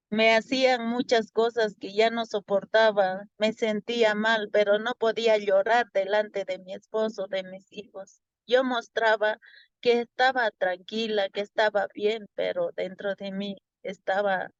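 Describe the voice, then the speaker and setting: Slow, earnest woman. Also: mid-range voice, no echo. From Peru. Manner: earnest, halting, emotional storytelling. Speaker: interviewee, former community mayor. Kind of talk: personal testimony in conversation. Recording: slightly dull, dry lo-fi recording.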